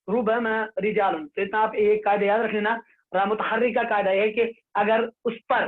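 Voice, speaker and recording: High-voiced male teacher on a tinny line. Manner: slow, repetitive, drills rules and has students repeat. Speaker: Quran recitation teacher. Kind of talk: online lesson with recited examples. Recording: tinny phone-like online class audio.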